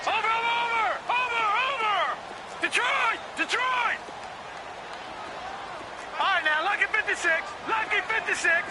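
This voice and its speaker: A man playing a commanding football quarterback in a video game, shouting a cadence of repeated snap calls. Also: extremely high pitch, a little slow, long pauses. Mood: commanding, urgent. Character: commanding male American football quarterback barking signals. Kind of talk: on-field play calling in a football video game. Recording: distant shouts under loud stadium crowd noise.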